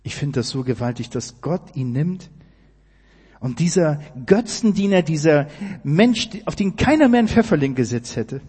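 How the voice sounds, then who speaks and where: Preacher guy, kinda high and husky voice, booming hall echo, asks the crowd stuff and gets loud. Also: big pitch swings, moderate pace. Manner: emphatic, rising to near-shouting climaxes; addresses listeners directly with questions. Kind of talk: sermon.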